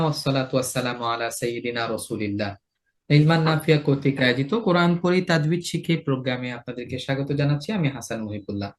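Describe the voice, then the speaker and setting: A man with a Bangladeshi Bengali accent teaching a tajweed lesson. He explains pronunciation rules step by step and chants the example words slowly. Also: medium pitch. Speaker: Quran recitation teacher.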